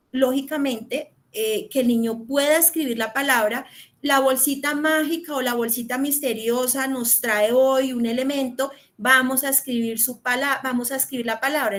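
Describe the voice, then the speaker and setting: A woman from Colombia with a Colombian accent, giving an earnest teacher training talk and addressing teachers directly. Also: sits high.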